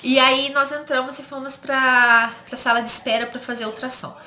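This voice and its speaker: Her voice high-pitched, bright, and forceful yet level in tone, a Brazilian vlogger recounts a personal experience at a normal speed. She speaks emotionally and casually to her audience, calling them "gente," repeating others' words, in an echoey home room with faint background noise.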